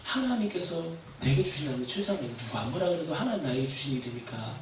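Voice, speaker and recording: Animated pastor in an echoing hall. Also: male voice, on the high side, fast. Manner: animated, shouts refrains, laughs while telling stories. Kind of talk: sermon. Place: church hall. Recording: echoey hall, far from mic, faint noise.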